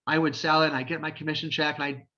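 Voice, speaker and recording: A man in his forties tells stories in a casual interview, upbeat and full of fillers. His voice sits a bit high and rings bright and forward. The recording sounds dull and lo-fi. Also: little pitch movement, quick pace. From Canada. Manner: chatty and upbeat, heavy with fillers and restarts. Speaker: realtor and community developer guest. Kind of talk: casual storytelling interview answers.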